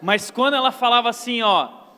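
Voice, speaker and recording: Brazilian pastor, light high voice, lively joking sermon, echoey church hall. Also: male voice, a little fast, smooth. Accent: Brazilian Portuguese. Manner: humorous, animated storytelling.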